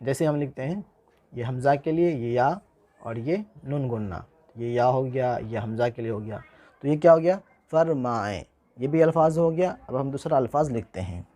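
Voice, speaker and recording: A man's voice: mid-range voice, darkish tone. A man teaching how to write words, spelling them out letter by letter and repeating each word as he goes. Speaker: Urdu writing teacher. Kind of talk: spoken writing lesson.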